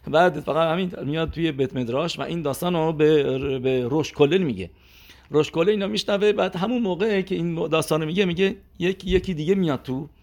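A man teaching a religious class in a fairly high voice. He talks casually, telling a story with restarts and fillers, and briefly acts out the people he quotes. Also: gravelly, a little mellow. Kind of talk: religious class with a told anecdote.

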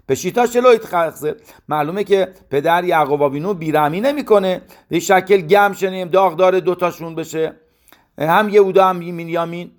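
A middle-aged man teaching a religious lesson, reading Hebrew commentary lines and explaining each in plain conversational terms. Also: on the high side.

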